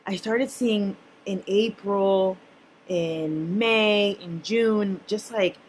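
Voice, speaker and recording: A woman's voice: medium pitch, drawn-out words, slight background noise, low-quality recording. A young woman, a mother, vlogging about her spending in a chatty, blunt, casual way to her viewers. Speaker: personal finance vlogger, mother. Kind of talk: casual talk to camera.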